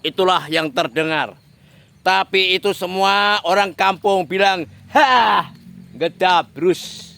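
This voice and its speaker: A man with a bright, gravelly, high-pitched voice speaks slowly and forcefully in a smooth recording. Delivering political commentary, he talks directly to a politician and repeats phrases to drive points home.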